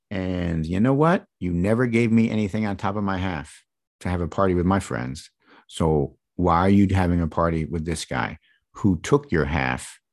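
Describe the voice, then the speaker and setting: A man voicing a resentful older brother, complaining indignantly in a raised voice. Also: fairly low pitch.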